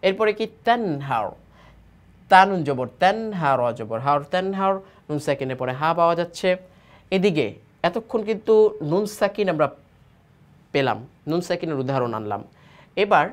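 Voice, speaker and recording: A man from Bangladesh teaching tajweed. He spells out each letter, drawls the joined words slowly, and asks himself questions that he then answers. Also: a little high, big pitch swings. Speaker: Quran recitation teacher. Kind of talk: tajweed lesson, spelling and reading aloud.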